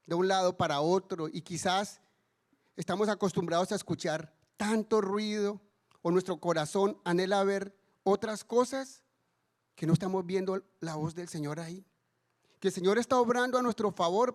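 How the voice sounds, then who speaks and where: A man preaching a sermon in a church, telling stories and acting out the voices of the people in them. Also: high-pitched. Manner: tells a story and acts out voices in raised cries.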